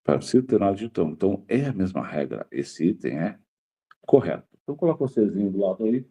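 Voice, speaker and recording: A man's voice: deep voice, big pitch swings, a little fast, dark tone. A male teacher giving a grammar lesson to a class, repeating key words and checking in with the students after nearly every point.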